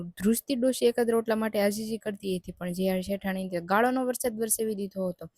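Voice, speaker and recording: A woman narrating a devotional folk tale in a steady, measured reading. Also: medium pitch, dry recording, studio quality. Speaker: storyteller.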